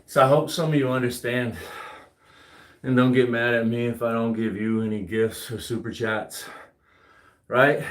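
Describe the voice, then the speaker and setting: A man talking casually while he works out at home, cursing often and boasting bluntly. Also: mid-range voice. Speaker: fitness livestreamer. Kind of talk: casual workout chat. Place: home gym. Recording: roomy echo.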